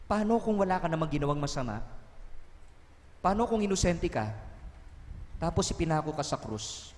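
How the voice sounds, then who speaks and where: Priest preaching in a reverberant church. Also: male voice, on the high side. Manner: mixes Tagalog, Kapampangan and English, slows for emphasis. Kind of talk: sermon. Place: parish church.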